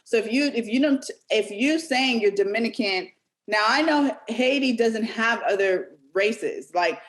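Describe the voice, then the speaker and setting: A woman's voice: a little high, lively intonation, unhurried. Woman asking probing questions. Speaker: podcast co-host. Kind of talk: casual discussion.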